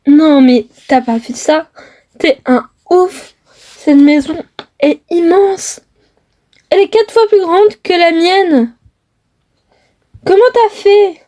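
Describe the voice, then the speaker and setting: Brief: young girlfriend, woman voicing, excitable, wondering, slow delivery. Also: sits high. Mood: excited. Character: young girlfriend, worried then amazed. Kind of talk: homemade family skit.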